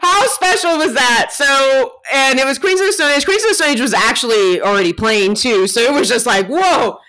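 A woman co-hosting a podcast, telling a story in a casual, animated way, laughing often and swearing freely. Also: sits high, a little fast. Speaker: podcast co-host.

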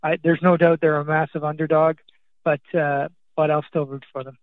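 Over a dry, dull remote line free of echo, a man born in Scotland who grew up in Canada fields radio interview questions about his soccer league role. His fairly high voice barely moves in pitch, and his answers halt, repeat words, and brim with fillers.

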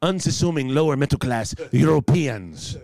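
A man voicing a scheming male cartoon villain who lays out an evil plan to his assistant in a slow, gloating, theatrical way. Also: mid-range voice, lively intonation, a little mellow, lightly acted.

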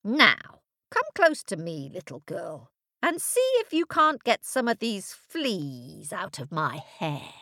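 A shrieking old storybook witch, greedy and menacing, put on by a woman narrator. The voice leaps high and swoops all over, crooning one moment and screeching the next, with a dry close sound. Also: huge pitch swings, takes it slowly, sharp tone, no room sound, full character voice.

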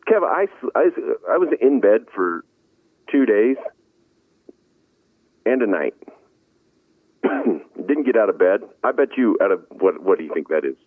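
A man's voice: on the low side, sing-song, measured pace, long pauses, no echo. A man co-hosting a sports podcast in casual chat, laughing easily and stammering as he restarts his words. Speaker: podcast co-host. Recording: tinny phone-line sound.

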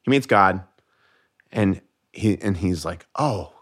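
A lower-pitched American man chatting on a podcast as a guest comedian. He tells long jokes like little stories and slips into voices for the characters. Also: slow pace. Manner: animated storyteller, voices joke characters. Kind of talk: casual podcast chat, telling jokes.

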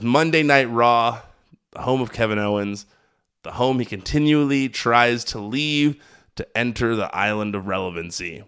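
An American podcast host gives a casual solo recap of wrestling, chatty, enthusiastic, and emphatic. He has a clear, resonant mid-range voice with a fairly bright tone.

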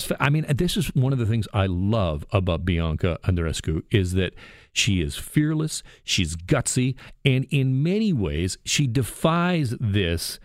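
Speaking into a studio microphone in a booth, this Canadian man hosts a chatty, jokey radio talk show. His voice is on the low side, and the recording is dry.

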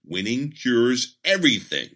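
A man delivers a scripted sports opinion segment for his podcast, leaning on key words with measured emphasis. His voice has a bright, forceful edge, and he takes his time, pacing each line slowly and deliberately. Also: mid-range voice, very animated.

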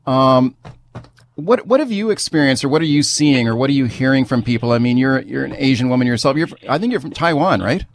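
A man's voice: mid-range voice, animated, fairly quick. A man hosting a radio talk show, questioning his guest in a conversational way, full of hedges and fillers. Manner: conversational, hedging, lots of fillers.

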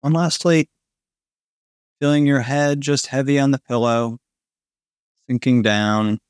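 A man narrates as if telling a sleep story, guiding relaxation in a soothing, unhurried way. His mid-pitched voice sits in a very dry recording, with long pauses between phrases. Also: steady tone, clear, resonant tone, no room sound. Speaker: podcast host guiding a sleep meditation.

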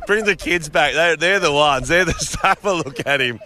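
A man with an Australian accent, excitedly coaxing and joking. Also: a little high, normal speed.

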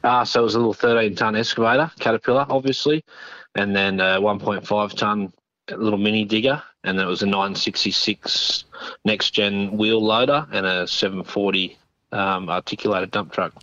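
Australian male interviewee, laconic understated drawl, low-pitched, casual, over a muffled phone line. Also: fairly even intonation, normal speed, pushed and bright, no echo. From northern New South Wales, Australia. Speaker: interview guest, machinery operator.

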